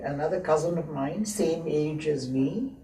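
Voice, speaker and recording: A woman in her seventies, born in Lahore and raised in Abbottabad, reminisces slowly as an interviewee, with many hesitant pauses. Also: low voice, warm tone. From born in Lahore, grew up in Abbottabad. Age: 70s. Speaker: interviewee, textile historian. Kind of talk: slow reflective reminiscing. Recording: roomy echo, mic at a distance, faint hiss.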